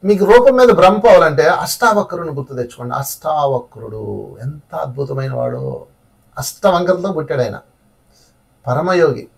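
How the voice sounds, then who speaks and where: A man's voice: fairly high pitch, very animated, normal speed, gravelly, breathy edge, distant mic. A man teaching a spiritual class, telling stories in a conversational way and asking his listeners rhetorical questions.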